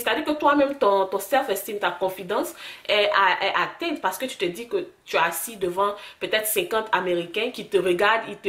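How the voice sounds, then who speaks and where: A woman's voice: mid-range voice, echoey room. A young woman with an Ivorian French accent, chatting casually to camera and mixing in English words. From Ivory Coast. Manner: animated, restarts and mixes in English words. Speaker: vlogger.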